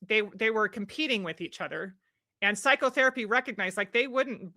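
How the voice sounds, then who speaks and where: A woman's voice: mid-range voice, bright, forceful tone, dry recording, clean studio sound. A middle-aged woman guest on a podcast, talking earnestly and often restarting her sentences. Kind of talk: podcast conversation.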